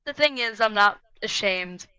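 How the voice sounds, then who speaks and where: Bright-voiced young woman rambling. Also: medium pitch, unhurried. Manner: excitable, rambling. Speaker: voice actor. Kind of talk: casual group chat.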